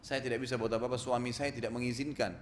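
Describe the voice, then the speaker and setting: A man voicing a timid young wife who pleads softly and apologizes, in an echoey hall. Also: medium pitch, flat delivery, quick pace, a little hiss or hum, lightly acted. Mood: pleading. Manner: soft, apologetic. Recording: echoey hall, faint ambience.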